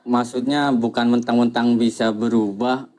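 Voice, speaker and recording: A man's voice: mid-range voice, level tone, normal speed, a little mellow, slight background noise. A man who is a guest in a debate, protesting mildly. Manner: mild, protesting.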